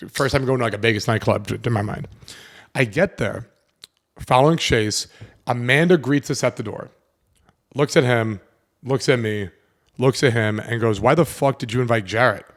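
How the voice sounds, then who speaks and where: A man's voice: medium pitch, moderate pace, pauses often. A young man from South Florida hosting a podcast, telling a story from his school years in casual chat, swearing freely and acting out his younger self. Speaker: podcast host.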